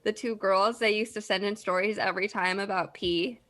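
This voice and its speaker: A woman's voice: mid-range voice, fairly even intonation, moderate pace, fairly bright tone. A young woman co-hosting a podcast over a video call, chatting casually and swearing bluntly. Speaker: podcast co-host. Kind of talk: casual chat.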